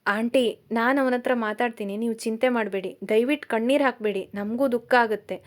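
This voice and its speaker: A breezy, teasing young best friend, as a woman reads him in a storybook tale. He coaxes and jokes quickly, in a raised, lively voice. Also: on the high side, lightly acted. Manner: breezy, coaxing.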